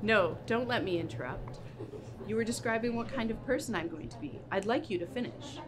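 A woman's voice: mid-range voice, brisk, crowd noise, close to an everyday voice. A woman acting in a student film, playing a strict, sarcastic new vice principal with a dry, commanding manner. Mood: stern. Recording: noisy amateur school video recording.

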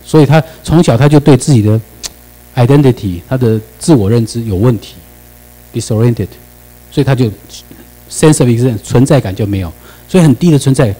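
Fast-talking Taiwanese Mandarin lecturer, man. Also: mid-range voice, expressive, warm tone, breathy edge, low-quality recording. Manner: keeps asking the class rhetorical questions; mixes English words into his speech. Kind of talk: classroom lecture.

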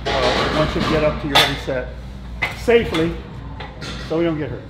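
A middle-aged man coaching in a big indoor gym, loudly counting reps and pushing his partners, then talking calmly about the equipment. His voice is a little high for a man. It echoes around the room over loud gym music. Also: fairly quick. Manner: loud rep-counting encouragement. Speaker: trainer coaching a leg workout. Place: large busy indoor gym.

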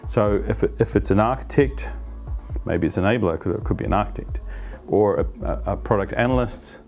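A man in his fifties explaining a team planning practice to camera as an agile coach, conversational and animated, on a lapel mic in a plain studio. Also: on the low side, brisk, faint music behind. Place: plain studio against a light wall.

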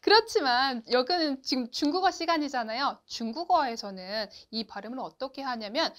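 A woman teaching a beginners' Chinese lesson, explaining clearly and asking the learners to repeat after her. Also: high-pitched, expressive, a bit bright. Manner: slow, clear instruction with drawn-out model syllables; addresses learners directly and asks them to repeat. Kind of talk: online lesson.

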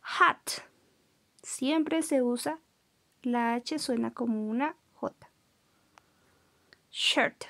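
A young Colombian teacher with a slightly high voice and a dark tone leads a recorded English vocabulary class. She switches between English and Spanish and demonstrates how to say each word, slowly and clearly.

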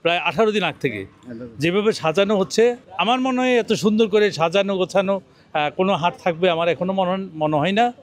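Under a bamboo shed at an outdoor livestock market, a middle-aged man speaks briskly in a high-pitched voice into a handheld microphone. It's an on-location promotional interview, and he's working to persuade viewers.

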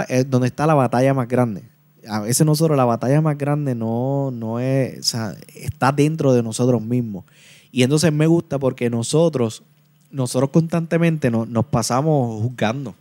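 A man hosts a podcast, talking through a book review in an earnest, casual way and often repeating and restarting his words. His voice is mid-range and a little mellow.

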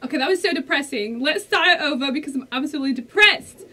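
A woman reacting to a music video in casual commentary, excitable and gushing, with sudden squeals and exclamations. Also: high voice, fast talker, background noise. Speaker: reaction vlogger.

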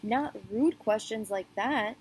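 A woman voicing an earnest young schoolgirl who talks briskly and scolds a classmate. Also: fairly high pitch, darkish tone, husky, rough recording. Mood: scolding. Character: bossy, earnest schoolgirl, about ten.

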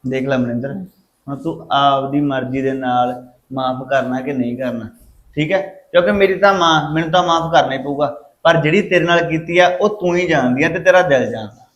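An actor playing a quick-tempered soldier son, scolding his family, with a Punjabi accent. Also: medium pitch, roomy sound, highs cut off, natural voice. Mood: stern. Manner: scolding, lecturing. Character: stern soldier son, young adult man, quick-tempered. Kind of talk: Punjabi short film acting.

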